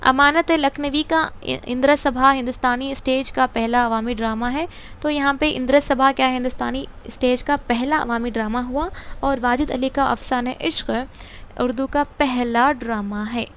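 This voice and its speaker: Young female teacher, higher voice, repeats key words and quizzes students, faint room hum. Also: fairly even intonation, moderate pace, fairly bright tone. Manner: repeats key words and stops to check answers. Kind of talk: explaining grammar and literature to students.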